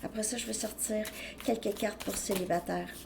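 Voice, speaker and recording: Woman doing a tarot reading, mid pitch, kinda rambly, lots of restarts. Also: steady tone, normal speed, gravelly, background noise. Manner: loose, rambling speech with frequent restarts. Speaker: tarot reader. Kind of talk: casual tarot reading to viewers.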